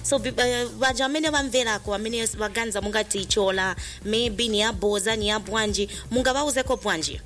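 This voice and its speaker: A woman's voice: fairly high pitch, brisk, hardly any pauses, fairly bright tone. A Zambian woman presenting a radio phone-in and promotion, switching between languages as she talks. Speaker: radio host. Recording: music playing behind the voice. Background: music bed.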